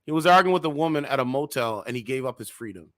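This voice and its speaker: This is a man in his thirties doing reaction commentary on his channel. His talk is heated and preachy, and he breaks into loud outbursts. His voice sits at a middle pitch and sounds close and dry, with no room in it. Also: lively intonation, fast, dry recording. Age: 30s.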